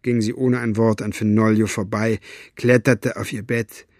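A man's voice: on the low side, little pitch movement, moderate pace, darkish tone, no echo, clean studio sound. A man reading a novel aloud as audiobook narrator, with dramatic storytelling. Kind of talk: scripted narration.

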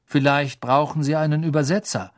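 A man's voice: a little high, fairly even intonation, a little fast, dry recording, clean studio sound, natural voice. A man voicing a blunt, defiant teenage boy in an audiobook. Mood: musing. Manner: blunt, confrontational.

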